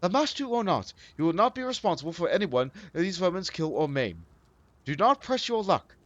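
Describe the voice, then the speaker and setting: A man's voice: high-pitched, big pitch swings, brisk, no echo, lo-fi sound, voice pushed up. A man reading the lines of a stern, righteous adventurer in a solemn, commanding way.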